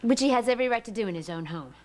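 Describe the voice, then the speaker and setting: A woman's voice: a little high, animated, racing, natural voice. An actress playing a gracious, witty woman who quips lightly, in daytime soap acting. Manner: light, quipping.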